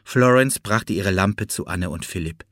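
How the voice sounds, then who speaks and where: A man narrating a children's audiobook with an expressive storytelling cadence. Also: low-pitched, measured pace, no room sound, clean studio sound. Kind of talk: scripted narration.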